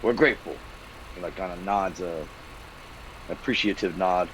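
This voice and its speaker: A man voicing a male half-orc town speaker who addresses adventurers in stiff, formal speech with a gruff edge. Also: low-pitched, moderate pace, a bit bright, a little hiss or hum, pitched below the performer's own voice. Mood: courteous.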